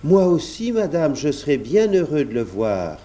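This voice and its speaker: A man's voice: on the high side, big pitch swings, normal speed, dark tone. A man voicing a humble, earnest young male servant in a storybook reading, speaking respectfully.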